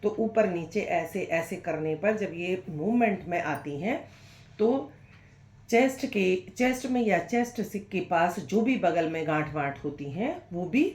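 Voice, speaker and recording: A woman yoga instructor talks students through a guided breathing exercise lesson, patient and encouraging as she explains each step. Her voice sits low and carries a sore-throat cough. The room around her echoes. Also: animated, measured pace, darkish tone.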